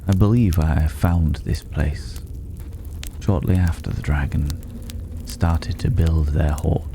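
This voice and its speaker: A man performs a mysterious stranger in a fantasy ASMR roleplay, using an extremely deep, gravelly, unhurried voice that nearly drops to a whisper. His full character voice is courteous and pensive, with soft, formal, old-fashioned phrasing and a reflective, intrigued mood. Noticeable background noise runs beneath him.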